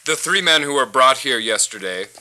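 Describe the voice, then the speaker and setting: A man's voice: medium pitch, expressive, moderate pace, sharp tone, rough recording. An actor playing a nervous, stammering male messenger. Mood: officious. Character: flustered male messenger of the magistrates.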